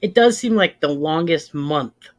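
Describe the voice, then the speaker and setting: A woman in her fifties hosts a livestream, chatting casually with viewers in a deep, animated voice at a measured pace. She's plain-spoken and emphatic, repeating phrases to stress them.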